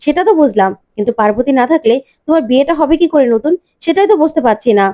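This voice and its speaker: A woman's voice: high-pitched, lively intonation, very fast, dark tone. A woman voicing a skeptical female relative in a story recap, pressing with questions. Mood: doubtful.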